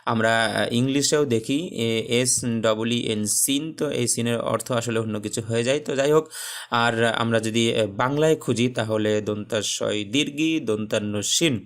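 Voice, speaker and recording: A man teaching a recorded tajweed lesson, patient, with frequent pauses and fillers, stretching out the letter sounds he demonstrates. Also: medium pitch, fairly bright tone. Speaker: Quran teacher.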